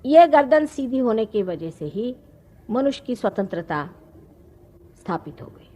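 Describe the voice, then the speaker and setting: A woman, giving a slow, explanatory spiritual discourse with pauses. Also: on the high side, big pitch swings, dark tone. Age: 50s. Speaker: spiritual teacher. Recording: archival talk recording.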